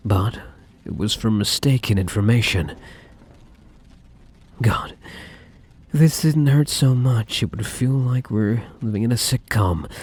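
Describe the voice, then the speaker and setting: A man playing a possessive, lovesick ex-boyfriend in an ASMR role-play, speaking intensely and defensively to the listener with dramatic pauses. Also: medium pitch, a little mellow, husky, no room sound. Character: possessive, obsessive ex-boyfriend, self-justifying and lovesick.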